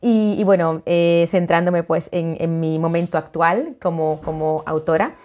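A middle-aged woman from the Dominican Republic, an author who talks warmly and chattily into a webcam at home, with many fillers and restarts. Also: on the low side, unhurried. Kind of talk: casual video greeting. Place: home living room, indoors.

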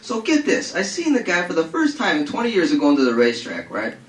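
A man on the high side of his range rattles quickly through a colloquial yarn as a foul-mouthed, brash gambler from the racetrack, excited and clearly amused. It's a character monologue from a live reading, captured distantly in a roomy room with faint noise.

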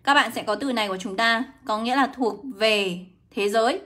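A young woman teaching English in a live online lesson, brisk and coaxing, greeting viewers by name. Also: on the high side, sharp tone. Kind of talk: livestream lesson.

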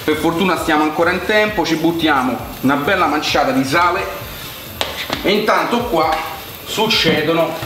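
Young man, Roman accent, slightly high voice, casual cooking host, chatty direct address, echoey indoor room. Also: moderate pace. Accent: Roman Italian. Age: young adult. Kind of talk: casual cooking demonstration to viewers. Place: home kitchen, indoors.

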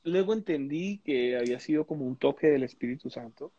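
A man's voice: mid-range voice, a little fast, warm tone, no room sound, muffled recording. A man gives a personal testimony in a live interview. He talks reflectively, searching for words and often restarting. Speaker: interview guest.

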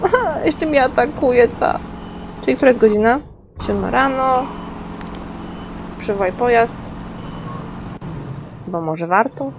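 A woman's voice: on the high side, expressive, takes it slowly, long pauses, highs cut off, background noise. Chatty woman narrating her gameplay. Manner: chatty, talks to herself, swears and yelps when scared. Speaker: gaming streamer. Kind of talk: casual let's-play commentary.

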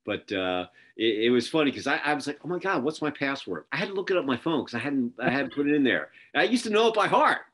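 In a sing-song, mid-range voice that's a bit bright, a middle-aged man hosts a casual interview by video call, telling stories at a quick pace with few pauses but many fillers and restarts. He's indoors in an office with a printed backdrop, on his webcam.

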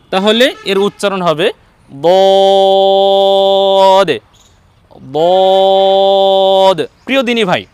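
A man teaching Arabic letter sounds in an online lesson, patiently repeating each letter slowly for viewers to copy. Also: high-pitched, fairly bright tone, dry recording. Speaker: Quran teacher.

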